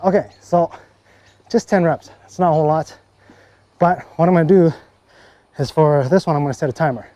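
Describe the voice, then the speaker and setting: A man giving casual workout instruction as a fitness coach, relaxed and full of fillers and "okay, right?" check-ins. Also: a little high, fairly quick, long pauses. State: briefly out of breath after a set.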